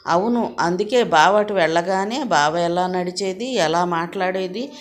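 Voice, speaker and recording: A woman's voice: fairly low pitch, measured pace, natural voice. An earnest, hopeful young woman who can turn to light mockery with her sister, as read by a woman narrator. Plain, sincere delivery. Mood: mocking. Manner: earnest, mocking at times.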